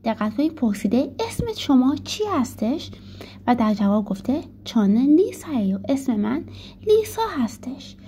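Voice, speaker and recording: A woman teaching a grammar lesson, explaining points and slowly reading example sentences aloud. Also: fairly high pitch, slight background noise. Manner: lively instructive tone, stressing key points. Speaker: Korean language teacher.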